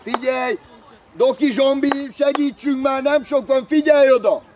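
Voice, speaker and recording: A man coaching youth football from the sideline, shouting short urgent instructions and player names outdoors. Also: very high voice. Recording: crowd noise from an outdoor match.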